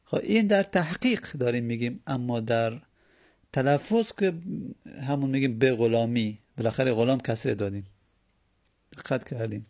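A man with a gravelly, creaky voice gives a grammar lesson. He explains each point patiently, often posing a question and then answering it himself. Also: mid-range voice, long pauses, darkish tone. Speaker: teacher of Arabic grammar.

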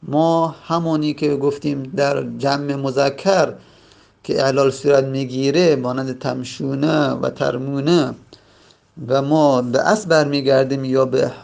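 A man teaching a grammar lesson, explaining step by step and drawing out example words slowly. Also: mid-range voice, little pitch movement, vocal fry, a little mellow. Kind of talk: classroom lesson.

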